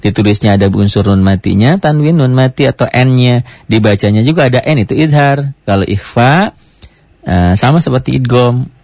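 A man teaching a recitation lesson, explaining step by step and slowing down to demonstrate examples. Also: medium pitch, expressive, a little mellow, no room sound, muffled recording. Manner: explains step by step with many "gitu" tags, slows to recite examples.

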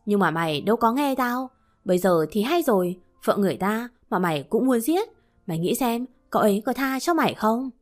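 Woman reading as a gruff, scolding father. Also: medium pitch, lightly acted. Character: irritable strict middle-aged father, short-tempered.

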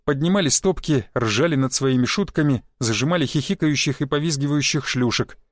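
A man narrating a first-person adventure audiobook in a wry, even storytelling manner. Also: medium pitch, fairly quick, no echo, clean studio sound.

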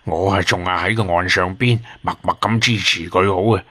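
A man voicing a jittery, soft-hearted young man who blurts and stammers when upset. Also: low voice, fairly even intonation, normal speed, breathy edge, exaggerated voice. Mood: worried. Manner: stammering, agitated outbursts.

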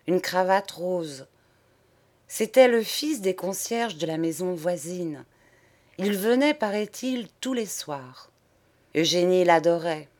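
A woman reading a classic novel aloud, in measured and expressive narration. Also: fairly low pitch. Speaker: audiobook reader.

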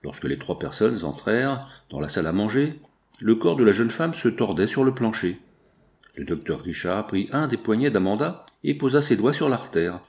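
A man narrating a 19th-century novel in a measured, even reading. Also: fairly low pitch. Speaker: audiobook narrator.

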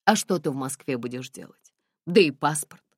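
Woman voicing a gruff driver guy, lecturing, lowish voice, dry sound. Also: lively intonation, moderate pace, no echo, exaggerated voice. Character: grown man, driver, gruff but caring.

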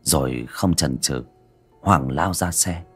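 A man narrating an audio story with an expressive, dramatic delivery. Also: very deep voice, takes it slowly, husky, faint music behind.

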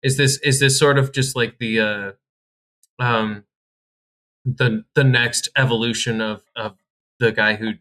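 A man's voice: medium pitch, steady tone, unhurried, long pauses, sharp tone. A man co-hosting a podcast in casual chat, blunt and mocking as he reacts to clips. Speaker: podcast co-host.

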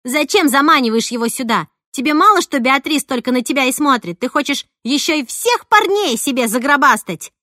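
A woman voicing a jealous, sharp-tongued teenage girl who sneers and shouts. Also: high-pitched, very animated, moderate pace, no echo, clean studio sound, pitched above the performer's own voice. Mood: angry.

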